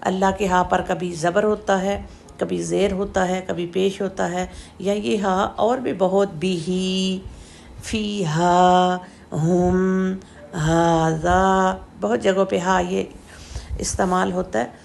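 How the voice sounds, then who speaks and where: A woman teaching Quranic letter pronunciation, explaining slowly and demonstrating throat sounds with repeated drawn-out syllables. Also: mid-range voice, steady tone, gravelly, a little mellow, slight background noise. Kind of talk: slow step-by-step pronunciation lesson.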